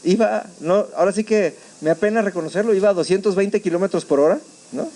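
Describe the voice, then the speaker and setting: Animated Mexican preacher, high voice. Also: male voice, quick pace. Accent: Mexican Spanish. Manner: animated storytelling, acting out his own shouts. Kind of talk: sermon testimony. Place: church.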